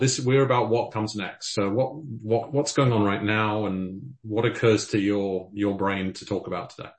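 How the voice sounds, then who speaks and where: A man hosting a live podcast, talking in a hesitant way with many ums and restarts. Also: deep voice. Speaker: podcast host. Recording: roomy echo.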